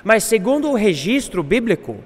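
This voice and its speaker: A man teaching a Bible class, animated, acting out quoted speech. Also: high voice, normal speed, long reverb tail. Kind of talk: classroom lecture.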